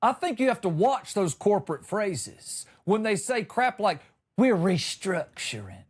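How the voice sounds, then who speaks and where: A middle-aged American man hosts a comedy podcast, delivering a wry, exaggerating monologue on news stories and acting out lines. His high-pitched voice is sing-song and a little slow, with a breathy edge.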